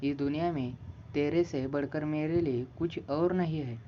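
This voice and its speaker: A man's voice: on the high side, moderate pace, highs cut off, slight background noise, close to an everyday voice. A pleading, tearful mother, as a man reads her. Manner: pleading, emotional. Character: anxious loving middle-aged mother.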